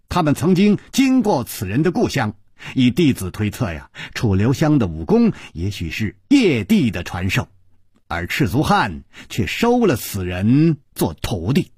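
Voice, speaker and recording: A man's voice: medium pitch, darkish tone, husky, dry recording, studio quality. A man doing a shrewd proud young woman disciple. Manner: deliberate, knowing, later coldly sneering.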